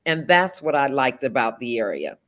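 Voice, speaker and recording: A woman in her fifties from South Florida, a candidate for office, answers an interviewer in a rumbling low yet fairly bright voice, very animated. She remains earnest and deliberate, with measured pauses between her thoughts.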